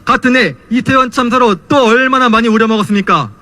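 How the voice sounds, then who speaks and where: A young man delivers a student's political rally speech. His voice is strikingly high and has a forceful, sharp edge. He declaims with passion, in the rhetorical manner of a protest orator. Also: quick pace. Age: young adult. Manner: impassioned, declamatory rhetorical questions.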